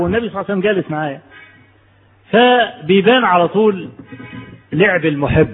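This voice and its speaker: A man's voice: on the high side, breathy edge, long reverb tail, narrow, tinny audio. A man with an Egyptian Arabic accent preaching a conversational sermon, telling stories and asking his listeners rhetorical questions. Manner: storytelling, rhetorical questions to the audience.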